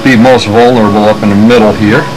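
This hobbyist talks fast in a fairly low voice while demonstrating a model plane repair. It's a casual, unscripted how-to where he thinks aloud as he works, recorded in a noisy workshop over steady machine hum.

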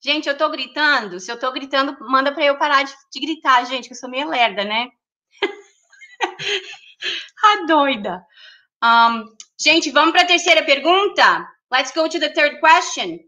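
A woman's voice: high voice, lively intonation, unhurried, pushed and bright, highs cut off. A woman hosting a casual livestream, chatting and laughing as she reads viewer comments aloud. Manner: giggly, laughs often. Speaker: livestream host.

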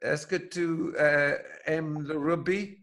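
Male host, unhurried, stumbling fillers in a loose conversation. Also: fairly high pitch, fairly even intonation, a bit bright. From Ireland. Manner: hesitant, halting French with many fillers. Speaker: podcast host. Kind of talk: casual chat.

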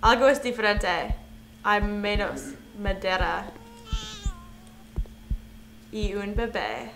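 Slow-talking young woman playing a game. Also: mid-range voice, noisy background. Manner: talks to objects in the game, nervous giggles. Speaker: gamer. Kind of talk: let's play commentary.

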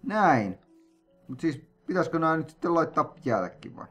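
A man giving let's-play commentary on his own gameplay, excitable and jokey, breaking into sudden yelps and sing-song noises. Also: a little high, faint music behind. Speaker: gamer playing a player-made map.

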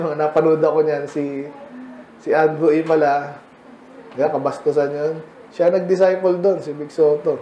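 A man's voice: a little high, mellow, reverberant, muffled recording, a little hiss or hum. A man with a Filipino accent preaching a sermon in a church, in a casual, joking style with frequent asides. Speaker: pastor.

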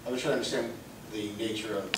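A man's voice: fairly low pitch, fairly even intonation, rapid-fire. A man at a council meeting, asking hesitant, clarifying questions. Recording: echoey room, distant mic, background noise.

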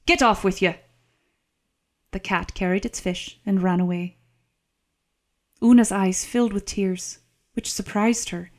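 Calm woman narrating an audiobook. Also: mid-range voice. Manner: measured, calm storytelling. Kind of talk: scripted narration.

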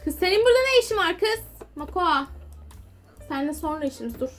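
A woman's voice: very high-pitched, very animated, quick pace, soft background music. A young woman giving casual gameplay commentary, chatty and exasperated, scolding the characters on screen. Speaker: gaming YouTuber.

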